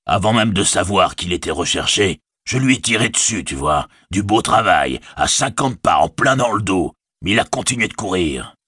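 A man's voice: low-pitched, expressive, normal speed, hardly any pauses, bright, forceful tone, husky, no echo, clean studio sound, full character voice. A man voicing a big, brutish male orc soldier in an audiobook, with a growling, threatening voice. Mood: bullying.

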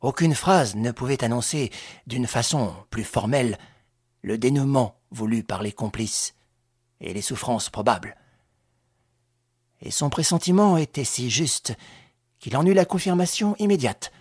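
A male audiobook narrator with a husky, breathy voice, reading in a measured, dramatic storytelling manner. His pitch moves expressively through the sentences, and he is recorded close and dry with no room echo. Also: lively intonation. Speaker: audiobook reader. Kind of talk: scripted narration.

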